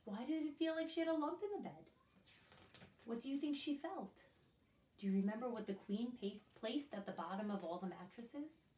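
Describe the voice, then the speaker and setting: An animated teacher and storyteller, her voice a little high, reads a picture book to young children at a moderate pace, full of expression. She scatters in asides and puts questions straight to her listeners. The room is echoey and the microphone distant.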